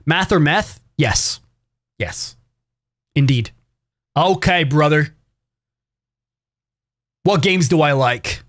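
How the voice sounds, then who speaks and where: Man, streamer, casual chat with viewers, sarcastic, swears a lot, high-ish voice, dry close sound. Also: slow, long pauses, a bit bright, dry recording. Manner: sarcastic, swears often, rambling. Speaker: variety streamer.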